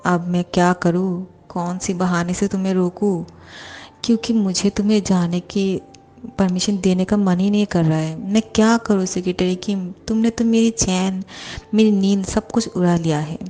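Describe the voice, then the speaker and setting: A bossy young male boss who has fallen for his secretary, as a woman narrator puts him on. He talks in a clingy, teasing way in a lowish, mellow voice, read out as a fan story. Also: steady tone, normal speed, natural voice. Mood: lovesick.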